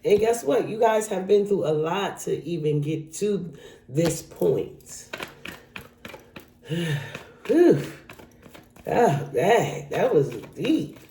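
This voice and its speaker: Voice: medium pitch, lively intonation, slow pace, mellow, a little hiss or hum. A tarot reader casually talking through a card spread, speaking straight to the viewer in a chatty way. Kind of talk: casual tarot reading to camera. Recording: echoey room.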